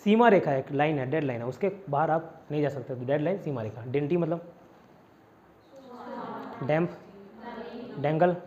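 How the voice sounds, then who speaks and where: A man from India with a fairly high, mellow voice teaches vocabulary in an online exam-prep lesson, speaking at normal speed and pausing often. Mixing Hindi and English, he repeats each word and its meaning over and over. The recording is slightly dull and lo-fi.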